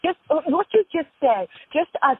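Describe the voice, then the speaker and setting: A woman's voice: sits high, big pitch swings, normal speed, no echo. A woman in a casual phone chat, telling stories in a rambling, emphatic way. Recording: tinny phone line.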